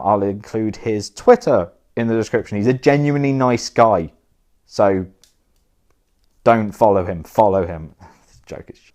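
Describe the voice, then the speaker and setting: Self-deprecating young man, low voice. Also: a little mellow. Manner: self-deprecating, dry asides, mumbled trailing-off quips. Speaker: board game reviewer. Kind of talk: casual thank-you message to viewers. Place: indoors by a fire.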